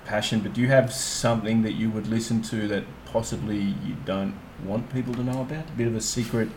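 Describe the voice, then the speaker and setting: A man's voice: fairly low pitch, fairly even intonation, a little fast, darkish tone, roomy sound, slight background noise, poor audio. A man hosting a casual chat, rambling and repeating words as he searches for what to say. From Australia. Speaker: podcast host.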